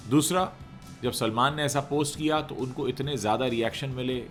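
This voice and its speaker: A man's voice: mid-range voice, moderate pace, soft background music. A man giving conversational entertainment news commentary, talking straight to viewers with rhetorical questions.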